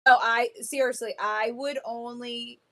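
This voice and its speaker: A woman's voice: fairly high pitch, steady tone, measured pace, pushed and bright. A woman co-hosting a podcast over a video call, casual and jokey, blunt, swearing and laughing a lot. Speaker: podcast co-host. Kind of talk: casual chat.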